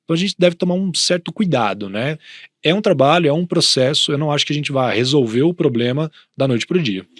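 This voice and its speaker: A man, speaking in a relaxed, reflective way about education in a casual podcast chat. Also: fairly high pitch, fairly quick, dry recording, clean studio sound. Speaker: podcast co-host in education talk.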